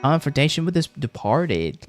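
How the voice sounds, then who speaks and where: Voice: medium pitch, very animated, moderate pace, no room sound, faint music behind. A game streamer reading on-screen text aloud theatrically, with casual muttered asides. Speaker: VTuber streamer.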